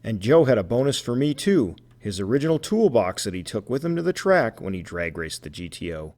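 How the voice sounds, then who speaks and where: A man's voice: on the low side, sing-song, a little fast, darkish tone. A man narrating his channel's trip as host, in scripted voice-over.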